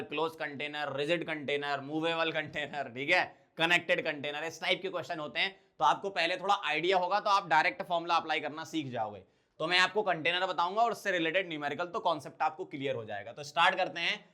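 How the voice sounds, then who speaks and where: A man's voice: a little high, fairly quick, pushed and bright. A man teaching a chemistry class, who keeps putting questions to the students and answering them himself, mixing in English technical terms. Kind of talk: blackboard lecture.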